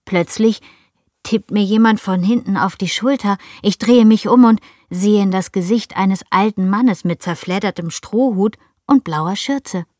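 A woman reads a story aloud in the first person, lively and clear. Her voice sits at an ordinary middle pitch. The recording is dry and close. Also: unhurried, no echo. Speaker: narrator. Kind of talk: storybook reading.

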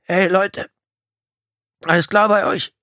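A man's voice: sits high, steady tone, extremely slow, dry recording, studio quality, pitched above the performer's own voice. A man voicing an injured, panicked crash survivor who talks urgently, strained and in pain. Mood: shaky.

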